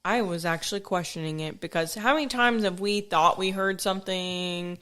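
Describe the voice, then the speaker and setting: A woman co-hosting a podcast in casual chat, blunt and quick to swear. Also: fairly low pitch, fairly bright tone. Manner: blunt, swears freely, laughs often. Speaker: podcast co-host.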